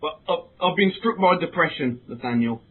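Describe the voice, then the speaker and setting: A man plays it glum and deadpan in a comedy sketch, and his speech keeps tripping into stammers and restarts. His voice is notably high for a man. The recording is thin and phone-like. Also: normal speed, a little hiss or hum. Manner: hesitant, stammering, mock-glum. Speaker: co-host. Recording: phone-like lo-fi sound.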